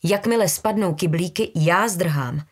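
A woman voicing a brutal, menacing young man who talks in low, slangy threats. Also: natural voice. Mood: threatening.

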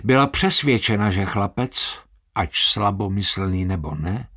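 A man's voice: lowish voice, expressive, pushed and bright. Man reading a novel aloud. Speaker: audiobook narrator. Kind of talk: scripted narration.

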